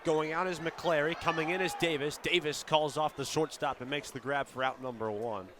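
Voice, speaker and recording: A man calls baseball play-by-play for radio in short, clipped phrases that lift with the action, an outdoor ballpark crowd behind him. His voice is a little high and fairly bright, with fairly even intonation at normal speed.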